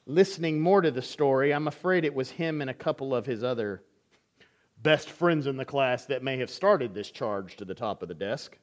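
A man preaching a sermon in a church as an elder, telling stories and acting out family conversations. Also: on the high side. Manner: storytelling, acts out family dialogue.

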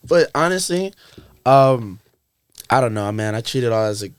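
Casual New York man, animated raconteur, dead-dry close mic. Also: medium pitch, moderate pace, smooth, no room sound. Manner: animated storyteller, acts out his own lines and others'. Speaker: podcast guest, DJ and producer. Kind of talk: casual chat.

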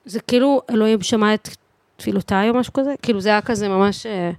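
A woman of thirty-one with an Israeli accent, chatting casually as a podcast guest in an animated, emphatic way, with slang and English swearing mixed in. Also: medium pitch, no room sound. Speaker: guest singer, DJ and voice teacher.

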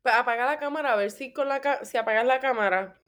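A woman's voice: fairly high pitch, fast, a bit bright. A woman with a Puerto Rican accent chatting casually and slangily as a podcast guest. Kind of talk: casual chat.

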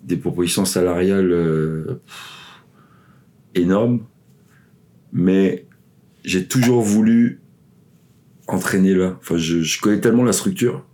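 A mellow, low voice moves slowly with long pauses as a swim coach in his forties, raised in the Ivory Coast and Paris, tells his story. It's a casual interview chat, and as the guest he rambles, filling gaps with fillers and frequent restarts.

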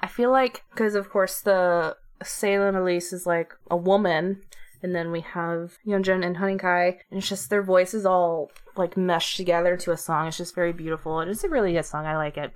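A woman's voice: fairly low pitch, fairly even intonation, normal speed. A young woman co-hosting a podcast in casual chat, rambling and laughing often. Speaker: podcast co-host.

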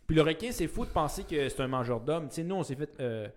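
A man's voice: on the high side, animated, fast. A man with a Québécois French accent, co-hosting a podcast in casual chat, often hesitating and repeating words. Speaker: podcast co-host.

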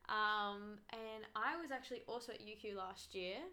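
A woman's voice: medium pitch, normal speed, bright, forceful tone. A young woman from Australia, co-hosting a casual podcast in a playful, chatty way with lots of fillers. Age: young adult. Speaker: podcast co-host. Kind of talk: casual chat. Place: small room at a table.

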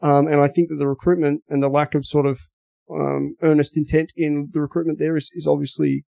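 A man's voice: fairly high pitch, little pitch movement, fairly quick, gravelly, warm tone, dry recording. An Australian man, a podcast contributor, giving blunt, rambling football analysis in casual chat, often repeating words.

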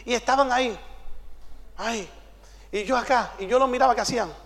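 A man preaching a lively sermon, telling stories and at times shouting praise. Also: extremely high pitch, normal speed. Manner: storytelling, swings into shouts and song. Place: church. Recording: long reverb of a church hall.

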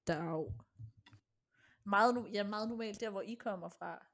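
A woman's voice: mid-range voice, a bit bright. A young woman co-hosting a podcast, chatting in an informal, giggly way. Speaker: podcast co-host. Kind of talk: casual chat.

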